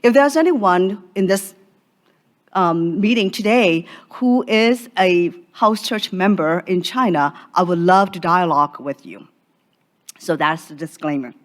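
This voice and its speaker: A woman from Hong Kong presenting an academic paper at a conference in a measured, formal way. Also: on the low side, lively intonation. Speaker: conference speaker. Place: conference session room.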